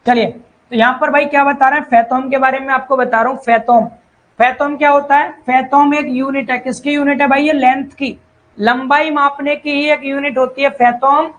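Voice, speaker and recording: Male tutor with a high voice, repeats terms, reads definitions slowly. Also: little pitch movement, fairly bright tone, low-quality recording. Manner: repeats key terms, calls students brother and child; reads English definitions slowly, then explains in Hindi. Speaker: civil engineering teacher. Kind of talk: online exam-prep lecture.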